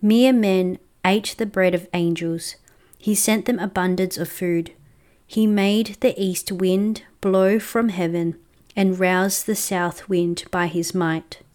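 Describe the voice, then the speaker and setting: A woman with a clear, smooth voice reading scripture as a lector at Mass. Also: fairly low pitch, steady tone, takes it slowly, a little mellow.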